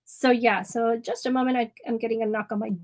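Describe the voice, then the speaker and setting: A woman whose voice sits on the high side talks fast in a level tone, hosting an art livestream from a home room with soft music behind her. She casually chats with the live chat, rambling, restarting, saying "um" a lot, and laughing easily.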